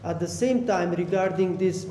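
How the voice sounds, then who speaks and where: Recorded on a stand mic in an echoey art gallery room with faint noise, this young man talks at normal speed in a mellow voice that sits high. He is an Albanian artist panelist, Romani his first language, and he comes across as hesitant during the panel discussion, with plenty of repeated words and fillers.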